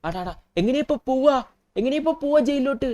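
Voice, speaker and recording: A woman voicing an excitable, chatty young male street hustler, talking through a game in role-play. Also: sits high, fast talker. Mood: excited.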